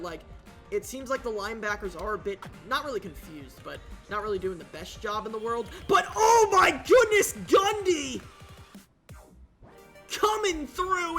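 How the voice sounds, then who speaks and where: A man calling a video game football match play by play, casual and excitable, his voice jumping up on big plays. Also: high voice, creaky. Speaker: play-by-play commentator. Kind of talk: esports football commentary.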